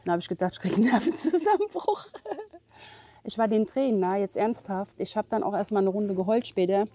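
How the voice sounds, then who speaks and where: A woman's voice: medium pitch, expressive, fairly quick, warm tone. A middle-aged woman chatting to the camera while hiking an outdoor forest trail, rambling with many fillers and laughs, a little out of breath. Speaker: hiking vlogger. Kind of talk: casual chat to camera. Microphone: camera held at arm's length.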